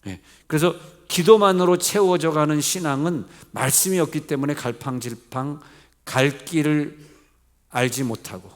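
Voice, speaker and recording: A middle-aged Seoul-accented pastor preaches a midweek sermon in a church sanctuary, his voice a little high and his pace moderate. He asks the congregation questions, slips between polite and plain registers, and adds light jokes.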